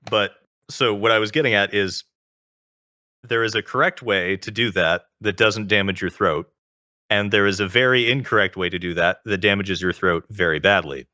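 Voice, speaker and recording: A man's voice: on the low side, normal speed, sharp tone, dry recording, studio quality. A male guest in a casual interview, talkative and explaining things at length with plenty of filler words.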